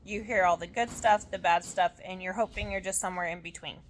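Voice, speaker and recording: Casual female vlogger, lowish pitch, worn out while recovering from surgery, rambling and often trailing off. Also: steady tone, a little fast, a little hiss or hum. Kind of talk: casual chat.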